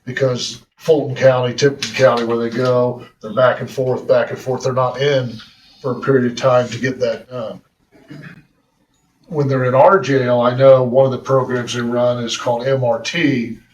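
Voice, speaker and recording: At the county council chambers, a man serving as a drug court public defender speaks earnestly in a medium-pitched, flat voice, halting and restarting his sentences often. A far mic picks up roomy chamber audio with a little hiss or hum.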